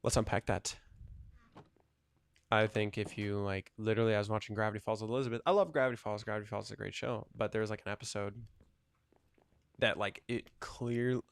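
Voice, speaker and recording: A man's voice: fairly low pitch, fairly even intonation, brisk, long pauses, dry recording. A man in his twenties rambling casually while playing a video game, thinking aloud with lots of fillers. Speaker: gaming channel host.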